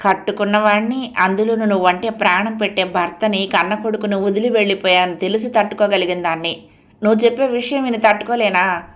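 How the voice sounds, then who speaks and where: A strong-willed young woman from an audio novel who will not let her friend go. She coaxes her and then turns sharp and sarcastic, voiced by the woman narrating. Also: mid-range voice, fairly even intonation, a little fast, lightly acted. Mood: sarcastic, scolding. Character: firm, caring young woman, cousin and friend.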